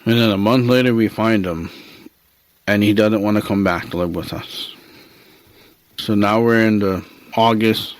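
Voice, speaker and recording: A man's voice: lowish voice, steady tone, a little slow, long pauses, no room sound. A man hosting a podcast, sharing faith-based personal reflections in an earnest, openly emotional, preacher-like way. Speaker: podcast host.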